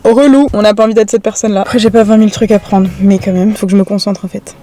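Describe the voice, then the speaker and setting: A woman's voice: medium pitch, fairly even intonation, quick pace, warm tone, slight background noise. A young woman from France chatting casually to her phone camera while running errands, exhausted and self-mocking, rambling from one aside to the next. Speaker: vlogger. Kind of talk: casual vlog chat to camera. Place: car, shops and home, moving around.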